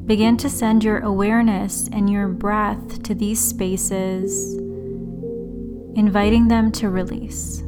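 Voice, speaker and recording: A woman leading a guided relaxation meditation in a soothing, unhurried sleep-story manner, leaving long pauses. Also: mid-range voice, flat delivery. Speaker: yoga and meditation teacher, host. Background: background music.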